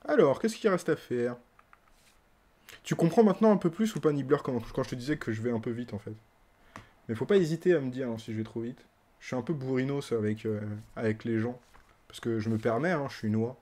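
Male streamer, mid-pitched, playful running commentary, chats with game characters. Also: a little fast, mellow. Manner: playful, laughs often, talks to game characters. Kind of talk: casual let's-play commentary.

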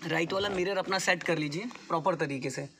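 Inside a car, a male driving instructor patiently coaches a learner step by step, repeating himself and teasing gently now and then. His voice is a little high and fairly quick, over a noisy background.

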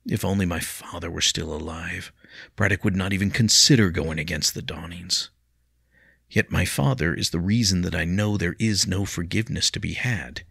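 A man performs a brooding young nobleman from a storybook tale, his delivery heated and bitter with remorse and heavily acted. His very deep, gravelly voice has a husky edge and sounds close and dry with no room sound, though the tone stays fairly bright at a moderate pace.

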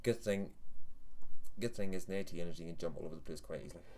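Northern Irish male host, very deep voice, rambling and jokey, faint hum behind, casual chat. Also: very fast, warm tone. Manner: rambling, self-correcting, jokey. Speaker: host of a vaping livestream.

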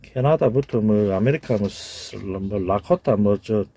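A man's voice: fairly low pitch, unhurried, mellow. A man with a Gyeongsang Korean accent giving an informal lecture, emphatic, repeating key words and sounding them out.

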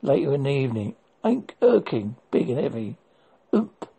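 Someone with an old West Country Devon accent and folksy dialect speech, reading out a list of words and meanings in a halting, husky voice. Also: mid-range voice, very animated, mellow.

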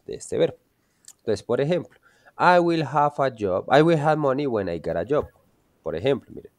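A man's voice: mid-range voice, a little mellow, dry recording. A man with a Colombian Spanish accent, teaching an online English lesson and often checking whether his students follow. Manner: checks understanding often, asks students questions.

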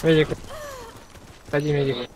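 Blunt higher-pitched male gamer. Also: steady tone, a little slow, noisy background. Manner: blunt, sweary, terse callouts. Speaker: player. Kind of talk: casual gaming team chat.

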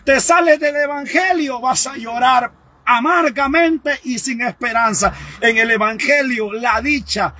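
A man's voice: very high-pitched, unhurried, bright, forceful tone. A man giving an emotional testimony sermon, fervent and often crying out, calling his listeners brother. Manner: fervent, repeats "hermano", cries out at times. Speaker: evangelist preacher.

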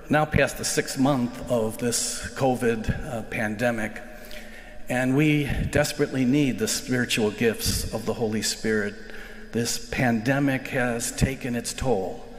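An older American priest delivers a sermon into a lectern microphone in a large, indoor church sanctuary. His medium-pitched male voice is earnest and reflective, slowing down to stress key phrases. The livestream is echoey, with long reverb.

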